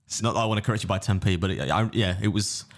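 A man's voice: lowish voice, very fast. A young man with a Yorkshire accent, co-hosting a podcast and telling a rambling story full of restarts and swearing. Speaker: podcast co-host. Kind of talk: casual chat.

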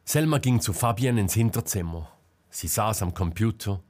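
A man reading an audiobook as narrator in a calm, measured way. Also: lowish voice. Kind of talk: scripted narration.

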